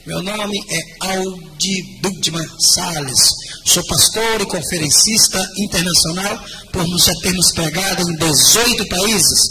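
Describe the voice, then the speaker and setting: An older man, a pastor telling his testimony in animated storytelling with bursts of shouted praise. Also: high voice, a little slow. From Rio de Janeiro, Brazil. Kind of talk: testimony sermon. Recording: loud background noise.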